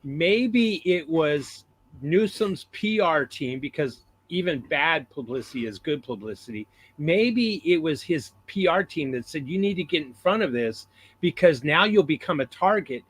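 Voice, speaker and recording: A man's voice: fairly high pitch, lively intonation, a little slow, breathy edge, low-quality recording. A man co-hosting a podcast, chatting casually with emphatic, speculative remarks. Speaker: podcast co-host. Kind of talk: casual chat.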